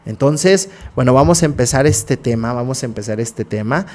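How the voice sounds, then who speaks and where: A man's voice: medium pitch, expressive, moderate pace, darkish tone. A man, hosting a psychology podcast and talking passionately, asking rhetorical questions and answering them himself.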